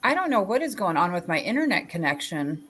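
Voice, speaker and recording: A woman's voice: lowish voice, sing-song, a little fast, background noise. A woman chatting casually on a video call whose audio keeps breaking up, her words cut off and trailing away mid-word. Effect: choppy, breaking-up internet call audio. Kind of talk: casual chat. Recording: glitchy online call connection.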